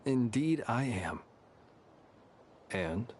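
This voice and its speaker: A man voicing a calm, wry lighthouse keeper in a video game, with a courtly, gently teasing manner. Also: mid-range voice, very slow, a little hiss or hum. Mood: teasing, unruffled.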